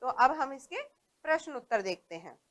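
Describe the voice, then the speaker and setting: A woman's voice: sits high, sing-song, normal speed, fairly bright tone. A woman teaching young children to read, speaking patiently, stressing and stretching each word, and asking questions that she then answers herself. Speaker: primary school teacher. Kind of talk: Hindi phonics lesson for young children.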